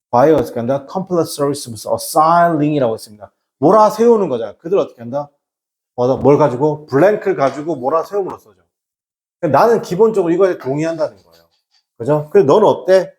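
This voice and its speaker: A man's voice: a little high, expressive, a little fast, a little mellow. A male teacher giving a lecture, casual in manner, who often asks himself questions and acts out quoted lines while telling a personal story.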